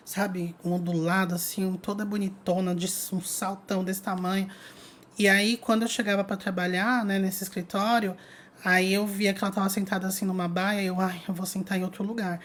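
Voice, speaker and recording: Lively young woman chatting to her followers, telling a story, voice right in the middle. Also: medium pitch. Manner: lively, chatty, addresses viewers as "gente". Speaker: spiritual content creator. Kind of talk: casual storytelling to an online audience.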